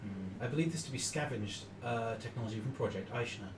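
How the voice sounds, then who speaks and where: A man's voice: medium pitch, brisk, lightly acted. A man voicing a terse telepathic machine intelligence with formal, literal phrasing in a tabletop game. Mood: detached, formal. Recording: roomy, distant, noisy tabletop recording.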